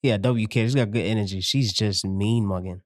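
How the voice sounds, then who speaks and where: A man's voice: fairly low pitch, moderate pace, no room sound, studio quality. Laid-back slangy male streamer. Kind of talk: casual live-stream chat with strangers.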